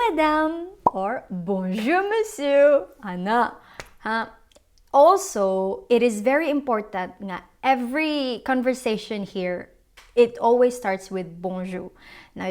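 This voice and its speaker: A woman with a Filipino accent and Cebuano as her native language, casually teaching beginner French and repeating phrases clearly for learners to follow. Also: mid-range voice.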